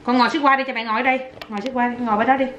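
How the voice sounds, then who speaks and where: A woman's voice: on the high side, steady tone, very fast, dull audio, background noise. A woman, casually and playfully coaxing her small child as a mother, often repeating herself. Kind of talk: casual chat with her toddler.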